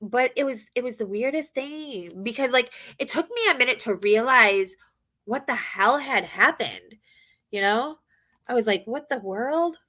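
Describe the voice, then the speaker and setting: A chatty woman with a bright, forceful voice tells stories in a loose, rambling way. She sits a little high in her range and keeps acting out what people said to her. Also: lively intonation, a little slow. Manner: chatty, rambling, acts out quotes. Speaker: hotel front desk worker. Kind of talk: casual storytelling chat.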